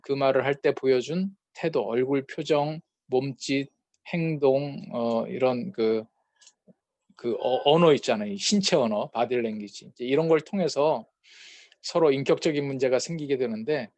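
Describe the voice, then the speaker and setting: A man's voice: mid-range voice, moderate pace, a little mellow, no echo. A man teaching a peacemaking class, talking casually with many fillers and acting out short quarrels as examples. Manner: conversational, many fillers, acts out quoted quarrels. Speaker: peacemaking course lecturer. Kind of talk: lecture with acted example dialogues.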